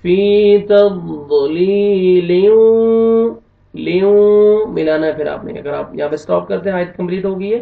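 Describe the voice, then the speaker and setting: Male tajweed teacher, Pakistani accent, high and gravelly; slow chanting; distant, echoey, lo-fi recording. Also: fairly even intonation, faint music behind. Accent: Pakistani Urdu. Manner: slow drawn-out chanting of verses between brisk explanations. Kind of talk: spelled-out recitation lesson. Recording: dull lo-fi room echo from a distance.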